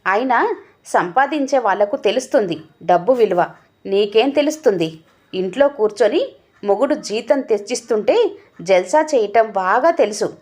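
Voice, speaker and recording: A woman's voice: on the high side, animated, unhurried. A woman voicing an angry, scornful husband who scolds and mocks his wife. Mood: scolding. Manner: scolding, mocking.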